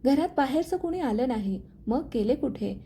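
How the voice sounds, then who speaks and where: A scornful older mother-in-law in a storybook drama, as a woman narrator puts her on. She speaks angrily and with contempt, in a mellow, fairly high voice. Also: expressive, normal speed, slight background noise. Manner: scornful, angry.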